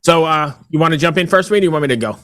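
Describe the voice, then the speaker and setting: A man hosting a casual interview, informal and a little halting as he sets up questions. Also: on the high side, fairly bright tone. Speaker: podcast host.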